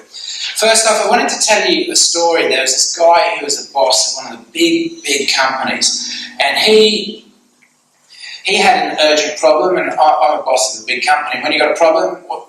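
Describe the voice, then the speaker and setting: Australian man, guest church speaker, bright tone, echoey hall, distant mic. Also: mid-range voice. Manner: earnest, conversational, with restarts. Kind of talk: church talk with storytelling.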